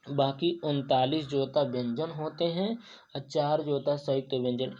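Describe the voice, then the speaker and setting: A man's voice: a little high, warm tone. Man teaching with constant verbal fillers. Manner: filler-heavy, repeats "jo tha" and "jo hota hai". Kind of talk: exam-prep lesson. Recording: dull lo-fi sound.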